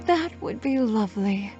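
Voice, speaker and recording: A woman voicing a sweet, gentle cartoon mother, speaking softly and unhurriedly over music. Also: on the high side, dull audio. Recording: clear music behind the voice.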